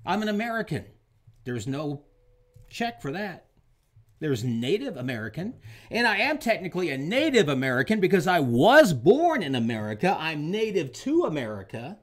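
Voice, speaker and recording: A man's voice: on the high side, big pitch swings, normal speed. A man from Oklahoma, hosting a show and delivering an opinionated political monologue with emphatic, repeated lines. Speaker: show host.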